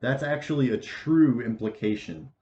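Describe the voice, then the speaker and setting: A man in his twenties giving a casual math lesson, with a halting delivery full of restarts and fillers. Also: mid-range voice, mellow. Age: 20s. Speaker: math teacher. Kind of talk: casual lecture. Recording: echoey room, dull lo-fi sound, faint hiss.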